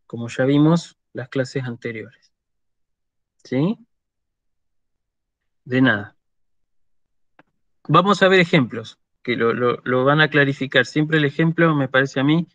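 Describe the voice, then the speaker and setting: A man's voice: on the high side, fairly bright tone, dry recording. A man with an Argentine Spanish accent giving an online university lecture, patiently checking in with his students as he explains. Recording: dull lo-fi dry sound.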